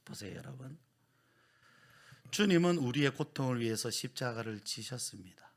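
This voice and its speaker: A man preaching a Sunday sermon as pastor, swinging between loud fervent exhortation and hushed whispers. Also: mid-range voice, animated, normal speed, creaky. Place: church sanctuary.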